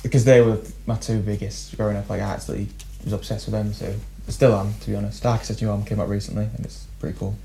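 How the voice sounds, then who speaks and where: A young man, a musician guest, telling stories in a rambling, animated way with frequent laughs. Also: on the low side, fast talker, creaky, few pauses. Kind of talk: casual storytelling chat.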